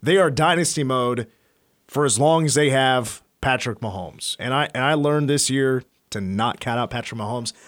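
A man's voice: mid-range voice, normal speed, fairly bright tone, no room sound, clean studio sound. An American man hosting sports radio, switching between casual talk and punchy promo reads. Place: radio studio. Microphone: close studio mic.

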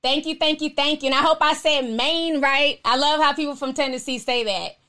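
A woman's voice: sits high, steady tone, a little fast, sharp tone. A woman hosting a live stream, chatting casually and answering viewer comments in a sassy, blunt, slangy, outspoken way.

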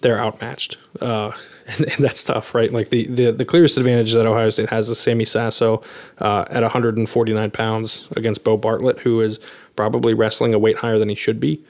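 A man's voice: on the low side, flat delivery, fairly quick, darkish tone. Man talking sports with many fillers. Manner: analytical, hedging with frequent fillers. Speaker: podcast co-host. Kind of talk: casual sports podcast analysis.

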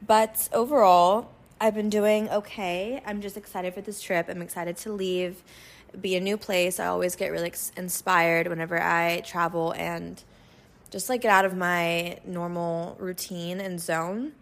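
A woman in her twenties hosting a casual advice podcast, slightly hoarse from being sick, rambling with lots of fillers. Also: lowish voice, level tone, unhurried. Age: 20s. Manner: rambling, lots of likes and ums. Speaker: podcast host.

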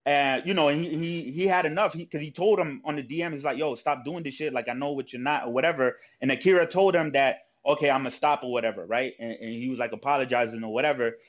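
A man's voice: mid-range voice, quick pace, hardly any pauses. Rambling profane man in lo-fi audio. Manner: rambling, profane, lots of fillers. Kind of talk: casual chat. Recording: dull lo-fi audio.

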